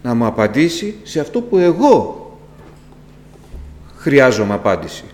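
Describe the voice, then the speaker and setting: A man preaching a sermon to his congregation, impassioned, with sudden rises in pitch and volume, asking rhetorical questions and speaking to them directly. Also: very animated, a little mellow. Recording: long reverb with faint electrical hum.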